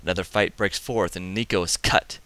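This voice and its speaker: Man, deep, bright tone, comic review host, excitable asides. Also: normal speed. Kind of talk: enthusiastic comic review narration.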